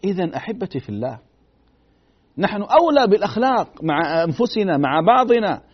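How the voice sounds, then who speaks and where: A man giving a dramatic religious storytelling lecture, swinging between loud emphasis and hushed tones and asking rhetorical questions. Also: sits high, sing-song, fairly quick, husky. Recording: dull lo-fi broadcast recording.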